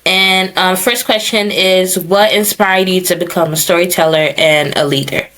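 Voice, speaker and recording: A young woman hosting a podcast, upbeat and giggly, with quick affirmations. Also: fairly low pitch, steady tone, fairly bright tone. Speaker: podcast host. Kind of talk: casual interview chat.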